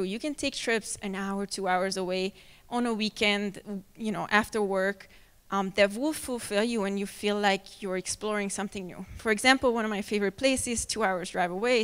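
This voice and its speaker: A woman's voice: mid-range voice, a bit bright, far from the mic. Hungarian woman speaking in an echoey hall. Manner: friendly, unhurried, many ums and self-corrections. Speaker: travel photographer giving a slideshow talk. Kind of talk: live presentation to an audience. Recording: echoey hall, mic from afar.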